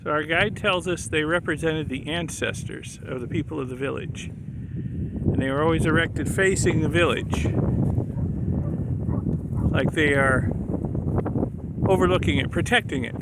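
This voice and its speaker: Older guy chatting through his trip video on a windy hill, a bit high-pitched, wind blasting the mic. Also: unhurried, pauses often. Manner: chatty, admiring, explains what a guide told him. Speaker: traveler filming his trip. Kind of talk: casual travel vlog narration. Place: outdoors on a windy island hillside. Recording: loud wind noise on the mic.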